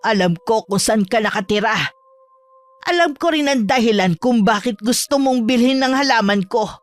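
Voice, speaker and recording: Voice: mid-range voice, animated, moderate pace, faint music behind, close to an everyday voice. A voice actor playing a stern, hostile old witch in a horror audio drama, speaking coldly and threateningly. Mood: menacing. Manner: cold and threatening. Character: stern, hostile old female witch who guards her garden.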